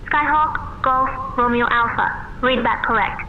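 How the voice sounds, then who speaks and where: A woman's voice: on the high side, measured pace. A woman working as ground controller, speaking clipped phraseology through an aviation radio. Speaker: ground air traffic controller. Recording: muffled noisy aviation radio.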